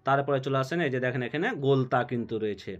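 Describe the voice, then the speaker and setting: A man teaching Quran recitation rules step by step, spelling out letters, then chanting verses slowly and melodically, and answering his own questions. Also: mid-range voice, highs cut off. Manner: asks questions and answers them himself, slow drawn-out melodic recitation.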